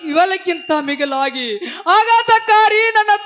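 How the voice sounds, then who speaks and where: A man's voice: very high voice, lively intonation, measured pace. A stage actor playing a grieving, wounded farmer who wails and declaims his misfortunes. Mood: anguished. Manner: wailing, declamatory, sobbing. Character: grieving wounded farmer, a wronged young man. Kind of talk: folk stage drama acting. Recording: live stage with loud music.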